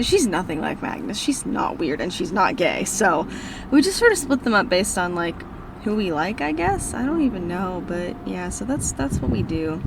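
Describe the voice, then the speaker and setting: A medium-pitched teenage girl with a northern Minnesota accent vlogs about books from a parked car, working through viewer questions in a cheerful, rambling way. She's bubbly and self-deprecating, and background noise is audible.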